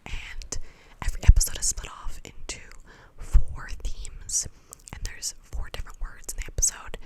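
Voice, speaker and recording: A woman doing a fast whispered ASMR ramble in a breathy, clicky whisper, casual and slangy, wandering from thought to thought. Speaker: ASMR video creator.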